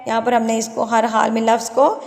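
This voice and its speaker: High-voiced woman teaching Quran recitation. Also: completely flat delivery, a little mellow, in a large hall. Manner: patient step-by-step explaining, recites verses slowly.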